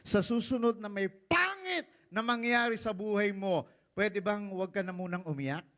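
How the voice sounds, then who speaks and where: A male pastor preaching a sermon in a church. He is animated, acts out the stories, and keeps asking the congregation "Amen?". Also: sits high, normal speed. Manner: animated, acts out quotes, often asks "Amen?".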